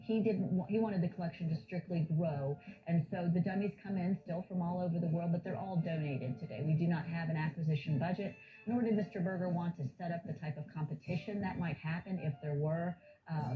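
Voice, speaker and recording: A woman speaking as a museum curator in an informal documentary interview, explaining in a measured way. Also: fairly low pitch. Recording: thin phone-like audio under music. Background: background music.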